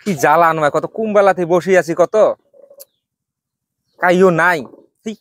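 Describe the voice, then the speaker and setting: A man's voice: high-pitched, a little slow, a bit bright, dry recording. A man doing a grumbling old grandfather. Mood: complaining. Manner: plaintive rural grumbling. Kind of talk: comedy skit acting.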